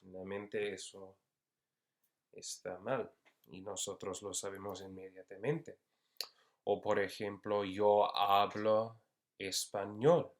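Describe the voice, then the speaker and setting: A man giving an unscripted university lecture, slow and hesitant with many fillers. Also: low-pitched, level tone. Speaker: university Spanish instructor.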